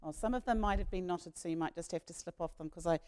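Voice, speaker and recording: A woman, leading an all-age sermon as a minister and retelling a story in a lively, slangy, conversational way. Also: lowish voice, fast. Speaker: minister leading a children's talk.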